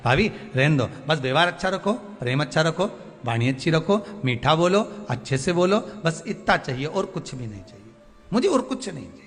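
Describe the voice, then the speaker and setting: A man preaching a devotional sermon, pleading with passion and swinging between loud appeals and soft, quiet lines. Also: a little high, animated, normal speed. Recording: long hall reverb with faint music.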